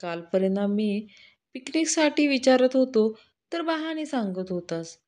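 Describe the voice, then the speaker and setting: A woman's voice: high voice, very animated, measured pace, a little mellow. Woman voicing a sheepish young man.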